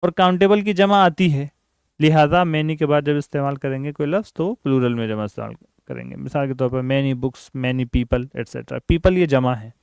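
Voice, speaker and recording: A man teaching an English grammar lesson, reading example sentences slowly and explaining them quickly. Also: medium pitch, creaky, smooth, no echo, studio quality.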